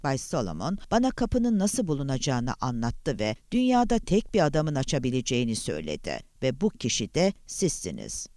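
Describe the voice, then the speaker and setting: A man reading an audiobook voices a calm, taunting male villain who speaks formally and coldly on the phone. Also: medium pitch, moderate pace, hardly any pauses, no room sound, clean studio sound. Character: smug, menacing male kidnapper on the phone. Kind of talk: audiobook character voice.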